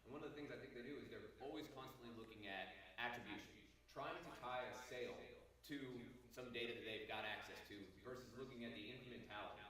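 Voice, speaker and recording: A man on a live panel, a marketing executive answering in a measured, analytical way. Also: mid-range voice. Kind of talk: panel discussion. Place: live event hall. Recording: echoey hall, distant mic, crowd.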